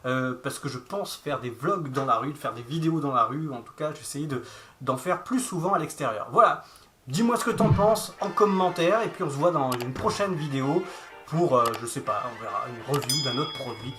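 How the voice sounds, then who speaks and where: A man's voice: medium pitch, expressive, normal speed, sharp tone, faint music behind. A man filming a casual unboxing vlog, speaking straight to the viewer in a chatty, informal way through a camera-mounted shotgun mic. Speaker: vlogger reviewing gear.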